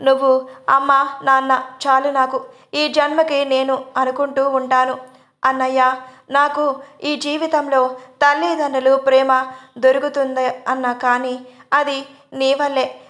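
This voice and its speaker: A woman voicing a shy, tearful young woman speaking softly and gratefully in a storybook reading. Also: high voice, level tone, unhurried. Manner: soft, grateful.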